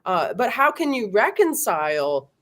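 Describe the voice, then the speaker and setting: A middle-aged woman guest in a casual interview, chatty and animated, laughing often and tagging her points with "right?". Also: on the high side, measured pace.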